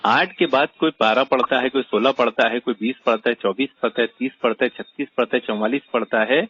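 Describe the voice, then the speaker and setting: A man's voice: mid-range voice, a bit bright, slightly rough, no room sound, muffled recording. A man teaching a religious point in a debate-style chat, arguing with pointed rhetorical questions. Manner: argumentative, rhetorical questions, emphatic.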